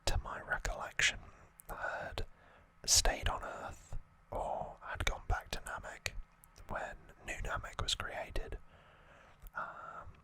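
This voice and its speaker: Throughout the clip, an ASMR host whispers softly, explaining things in a relaxed, informal recap. The voice is purely a gentle, unvoiced whisper.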